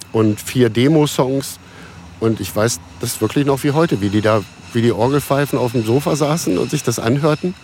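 A German man in his fifties sits as a guest on a casual podcast. His voice is mid-pitched. He tells long anecdotes in a loose, meandering way, often restarting his sentences. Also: slight background noise. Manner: relaxed storytelling with many restarts and fillers. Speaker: musician guest.

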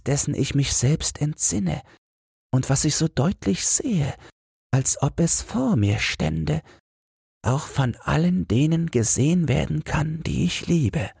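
A man voicing a gentle, anxious old street lantern. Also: medium pitch, gravelly, husky, no echo, studio quality, voice pushed up, full character voice. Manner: worried, keeps repeating a single fear.

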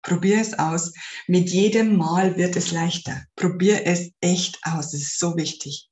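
A woman's voice: on the low side, fairly even intonation, a little slow, darkish tone. A woman hosting an advice podcast as a spiritual life coach, talking earnestly and directly to the listener. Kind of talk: casual spoken advice podcast. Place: room at home with a window. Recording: roomy echo.

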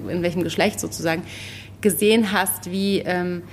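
A woman from eastern Germany co-hosting a literary podcast, talking in an animated, emphatic way and often searching for words. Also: lowish voice, normal speed, a little hiss or hum. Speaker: podcast co-host. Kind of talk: casual book discussion.

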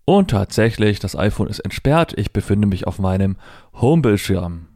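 A man with a fairly low, dark voice swings widely in pitch while talking at a normal speed. He's a presenter demonstrating assistive technology hands-on, walking through it informally step by step and thinking out loud. The recording is studio quality with no room sound.

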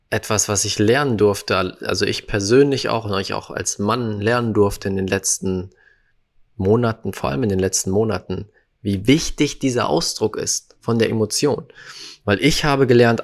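Man, low voice, earnest reflective podcast co-host, emphatic. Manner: earnest, emphatic, acts out quotes. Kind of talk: casual reflective conversation.

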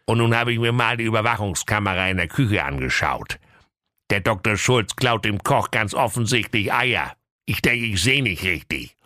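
A man doing a low, grumbling chatty king. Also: expressive, moderate pace, sharp tone, dry recording, clean studio sound. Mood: grumbling confiding. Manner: casual, grumbling and confiding. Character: chatty fussy old male king, gossiping and complaining. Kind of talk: comic fairy-tale reading.

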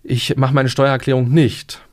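A man, a resilience coach, talking casually in a podcast studio and explaining ideas through everyday examples, stressing key words slowly. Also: medium pitch, little pitch movement.

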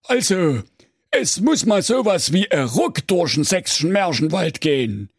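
A man's voice: high voice, very animated, a little slow, husky, no echo, clean studio sound, full character voice. A man voicing a naive, muddled fairy-tale brother who rambles and bumbles through his complaints. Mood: bumbling.

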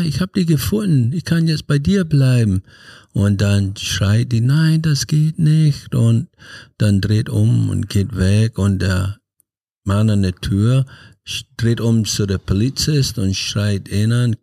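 Low, gravelly man from Scotland. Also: dark tone, no echo, studio quality. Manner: earnest, halting storytelling in non-native German. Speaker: podcast guest. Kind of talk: personal life story in an interview.

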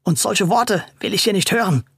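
A narrator voicing a strict mother who speaks in a brisk, scolding tone. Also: mid-range voice, creaky, slightly rough, dry recording, clean studio sound. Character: strict, sharp-tongued mother.

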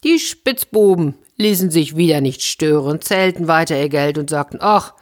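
Woman, low voice, children's story reading, gentle, repetitive storytelling. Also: normal speed.

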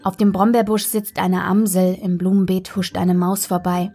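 A woman reading a children's story aloud in a gentle, playful way, narrating as a dog in the first person. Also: fairly low pitch, little pitch movement, moderate pace, breathy edge, faint music behind.

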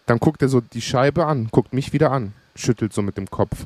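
A man of Greek background, co-hosting a podcast, telling a lively story in casual chat and acting out the other people's lines. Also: medium pitch, a little fast, no room sound. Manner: animated anecdote, acts out dialogue. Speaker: podcast co-host.

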